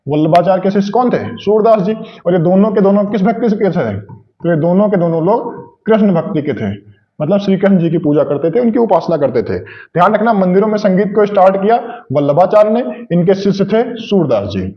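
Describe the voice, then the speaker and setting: A man's high-pitched, lively voice comes through a little fast, with the highs cut off. As a coaching teacher lecturing his class, he asks and answers his own questions, hammers key points repeatedly, and teaches memory tricks.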